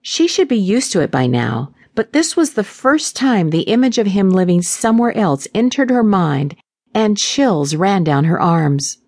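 Expressive woman audiobook narrator. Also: mid-range voice, measured pace, dry recording, clean studio sound. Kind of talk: scripted narration of a romance audiobook.

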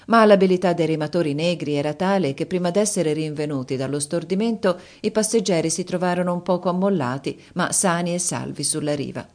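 Audiobook narrator: woman with a deep voice for her sex, steady literary reading. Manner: measured, even storytelling delivery.

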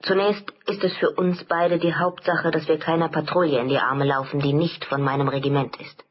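A woman reading an audiobook, voicing an earnest young male lieutenant who talks brisk and reassuring in a lowered voice. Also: fairly even intonation, slightly rough, muffled recording.

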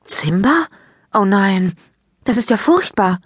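A woman's voice: mid-range voice, dry recording, clean studio sound, close to an everyday voice. A woman narrator voicing a sensible schoolgirl who speaks with concern and tries to comfort. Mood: worried. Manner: concerned and soothing, a bit halting. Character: caring schoolgirl, class representative, sensible.

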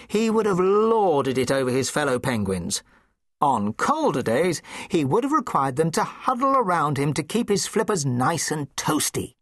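A man narrating a children's storybook in an expressive, playful way. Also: on the high side, breathy edge, no echo, clean studio sound. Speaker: audiobook narrator.

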